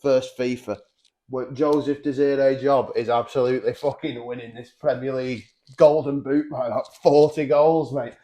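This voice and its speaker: A man's voice: mid-range voice, fairly even intonation, moderate pace, mellow. A young man co-hosting a comedy podcast, swearing often, laughing and restarting his sentences. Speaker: podcast co-host. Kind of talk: casual comedy chat.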